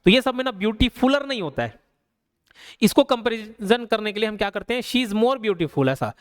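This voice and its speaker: A male teacher giving a casual, conversational grammar lesson. He keeps asking rhetorical questions and slows down to spell out each example. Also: high-pitched, lively intonation, no room sound, studio quality. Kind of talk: casual classroom explanation.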